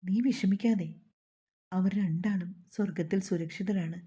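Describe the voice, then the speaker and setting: A woman's voice: medium pitch, steady tone, measured pace, warm tone, slightly rough, muffled recording. A woman reading a teasing, caring young man. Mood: comforting. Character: affectionate teasing young man, warm-hearted.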